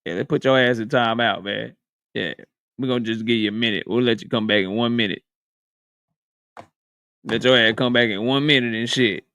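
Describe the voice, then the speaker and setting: A man's voice: mid-range voice, normal speed, long pauses, bright, forceful tone, no echo. A man in his thirties hosting a casual live stream, joking and roasting his viewers, laughing often. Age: 30s.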